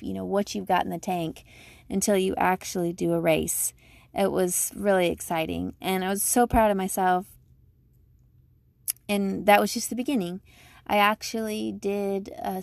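A woman's voice: mid-range voice, gravelly, darkish tone, dry recording. A woman giving casual motivational advice like a vlogger, chatty, emphatic, upbeat and encouraging.

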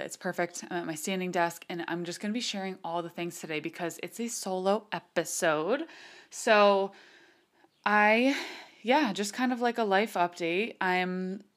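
A woman's voice: on the low side, fairly bright tone. A woman in her twenties with an American accent, a podcast host chatting solo in a gushing, informal way. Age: 20s. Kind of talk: casual solo podcast chat. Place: home office.

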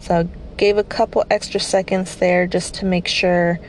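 A woman hosting a podcast, talking through a casual guided cleaning session early in the morning at home, her voice slightly raspy from just waking up, chatty and rambling with self-deprecating asides. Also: fairly low pitch, level tone, moderate pace, a little hiss or hum. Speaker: podcast host.

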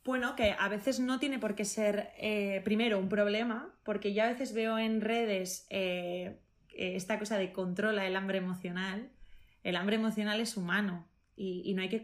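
A woman speaks as a nutritionist in a relaxed interview. She sounds eager and talks her ideas through, restarting her sentences and leaning on small fillers as she goes. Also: medium pitch, moderate pace. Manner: enthusiastic, thinks aloud, rephrases with many fillers. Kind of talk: casual interview answers.

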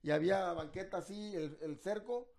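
A man's voice: high voice, normal speed, a crowd in the background. A man telling a story in casual chat, rambling and laughing along.

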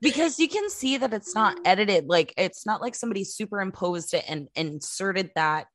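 A woman co-hosting a casual podcast chat, telling the story behind each clip in an animated way and laughing often. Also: mid-range voice, moderate pace, no room sound, clean studio sound. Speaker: co-host showing videos.

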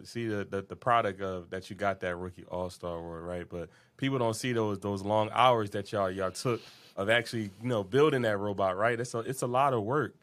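Casual low-voiced male podcast host. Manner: rambling, repeats words, many fillers. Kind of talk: casual interview questions.

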